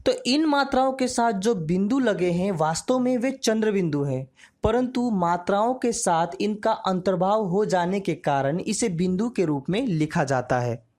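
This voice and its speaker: A woman teaching a grammar lesson, slow and measured, drawing out each example word. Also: mid-range voice, lively intonation, a little mellow.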